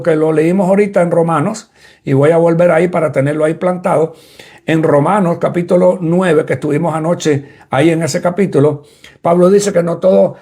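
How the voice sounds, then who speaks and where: An apostle from Cuba delivers a sermon with a fairly high, slightly rough and somewhat mellow voice. His preaching is explanatory and repetitive, going back over points and addressing listeners directly.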